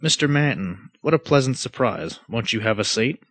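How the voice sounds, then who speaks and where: A man's voice: mid-range voice, lively intonation, normal speed, fairly bright tone, no echo. A man reading aloud, voicing a smug, menacing fat gang boss who makes oily, mock-polite threats.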